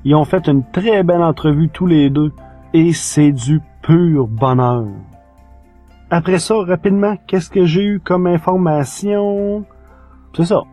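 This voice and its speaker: With music playing behind him, a man with a Quebec French accent enthusiastically reviews something for a podcast, working informally from notes. His voice is a little high and dark in tone, and he speaks a little slowly.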